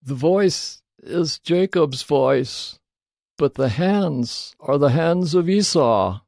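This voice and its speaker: A frail old patriarch acted by a man speaks from a dramatised scripture. His voice is high and mellow, and his delivery is slow, solemn and declamatory, close and dry. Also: lively intonation, vocal fry, no room sound, exaggerated voice. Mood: searching, doubtful. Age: older.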